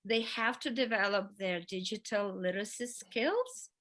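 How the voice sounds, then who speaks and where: A woman's voice: mid-range voice, animated, measured pace, a bit bright. A woman language instructor explaining her teaching experience in a webinar. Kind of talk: webinar presentation.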